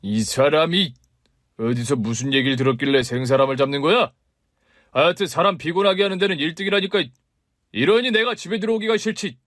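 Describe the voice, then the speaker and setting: A man's voice: medium pitch, a little fast, no echo, clean studio sound, lightly acted. A man playing a cold, irritable, unfaithful father in a story radio drama, with a scolding, contemptuous way of talking.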